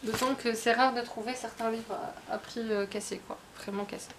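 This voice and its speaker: A woman's voice: a little high, steady tone, fairly quick, slight background noise. A woman chatting casually about her book haul, talking in a hesitant way with many fillers and restarts. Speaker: book vlogger.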